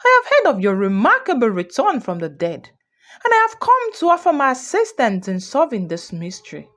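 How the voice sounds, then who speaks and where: Eccentric mischievous scholar man, grand theatrical delivery, animated pitch, as a woman reads him. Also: moderate pace, exaggerated voice. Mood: grandiose.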